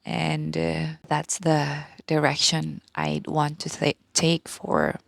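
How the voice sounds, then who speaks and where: A woman in her thirties with a Filipino accent talks in a soft, unhurried ASMR style, pausing often and starting sentences over. Her voice is low and heavily gravelly with fry, slow in pace, and recorded dry and close with no room sound. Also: level tone, no echo. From Philippines. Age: 30s. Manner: slow and gentle, with pauses and restarts. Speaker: ASMR vlogger. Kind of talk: soft-spoken ASMR talk.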